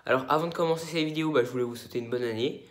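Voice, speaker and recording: A man's voice: mid-range voice, racing, reverberant. A young man with a French accent chatting casually while showing his toy collection in an upbeat vlog. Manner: chatty, upbeat, many fillers and asides.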